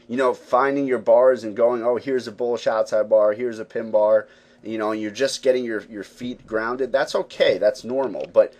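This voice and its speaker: A man hosting a live trading webinar, explaining charts in a conversational way with lots of fillers and check-ins with viewers. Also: on the low side. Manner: conversational, many fillers and "right, guys?". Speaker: forex trading webinar host. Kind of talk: live webinar teaching, casual.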